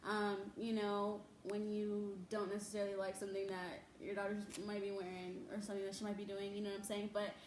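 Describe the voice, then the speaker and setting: A young woman, the host's daughter, talking in a relaxed, conversational way with many fillers. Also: mid-range voice, brisk, few pauses. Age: young adult. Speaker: daughter, guest. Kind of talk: casual chat. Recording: echoey room, faint noise.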